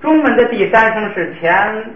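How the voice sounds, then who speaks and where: A male language teacher with a high, animated voice and moderate pace walks his class through the material patiently, step by step, with plenty of fillers. It's a dull, roomy lo-fi classroom recording with a little hiss or hum.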